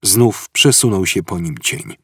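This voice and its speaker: A man narrating an audiobook with expressive, dryly ironic storytelling. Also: low-pitched, a little slow, husky, dry recording, clean studio sound. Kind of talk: scripted narration.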